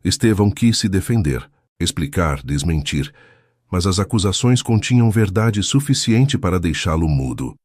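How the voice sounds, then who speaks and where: A man's voice: deep voice, animated, moderate pace, darkish tone, no echo, studio quality. A man giving a solemn, scripted narration of a romance story.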